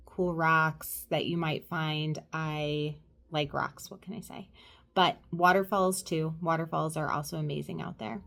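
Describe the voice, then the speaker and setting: A woman giving a casual, chatty travel recommendation. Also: lowish voice. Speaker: travel vlogger.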